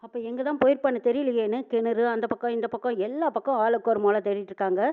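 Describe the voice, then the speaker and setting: A woman retells a TV serial episode at a rapid clip, her voice high and bright. The sound is narrow and tinny, like a phone line. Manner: brisk, lively storytelling. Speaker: narrator.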